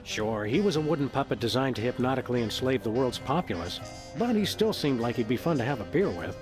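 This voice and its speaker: An actor voicing a deadpan dog detective in a video game, delivering dry quips. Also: male voice, mid-range voice, fast, music in the background, close to an everyday voice.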